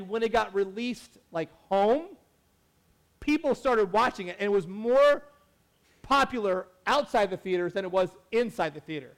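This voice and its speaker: A young man with a notably high voice delivers a relaxed, conversational sermon. He rambles through asides and restarts his sentences, keeping it animated and friendly like a chat with the congregation. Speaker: pastor. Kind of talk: casual sermon.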